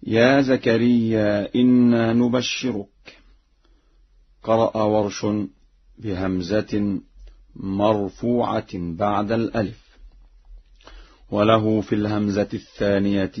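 Low flat-voiced guy explaining quran reading rules on lo-fi radio, slow and careful. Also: husky. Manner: measured, chants the quoted verse examples. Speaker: presenter explaining recitation variants. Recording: dull lo-fi radio recording.

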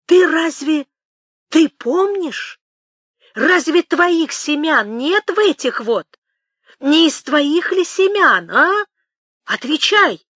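A woman's voice: measured pace, sharp tone, dry recording, clean studio sound. A woman reading as an angry accusing man. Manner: exclaiming sharply, pitch pushed up.

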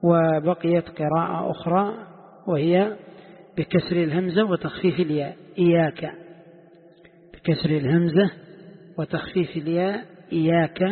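A sheikh teaching a classroom lesson, quizzing his students and slowly repeating the key points. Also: on the high side, creaky, breathy edge. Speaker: sheikh teaching Quran commentary. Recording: echoey hall, tinny phone-like sound.

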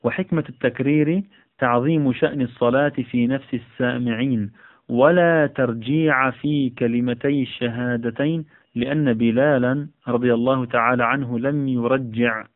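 Man teaching fiqh over tinny phone-like audio. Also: mid-range voice. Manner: repeats phrases and corrects himself, many fillers. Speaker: teacher of Islamic law. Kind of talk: reading and explaining a fiqh text.

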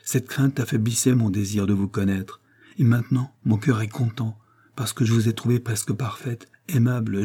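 A man's voice: medium pitch, dark tone, breathy edge, natural voice. A man voicing an affectionate young woman coaxing her mother tenderly, in an audiobook reading.

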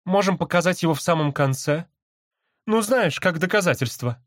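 A man's voice: a little high, expressive, normal speed, dry recording, studio quality, voice pushed up, lightly acted. A man voicing an insistent, indignant young woman activist in an audiobook.

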